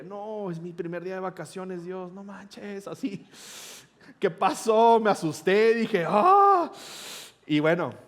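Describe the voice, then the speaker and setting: A middle-aged man, a pastor telling a personal story in a conversational sermon and acting out the dialogue. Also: on the high side. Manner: conversational, animated retelling with quoted dialogue.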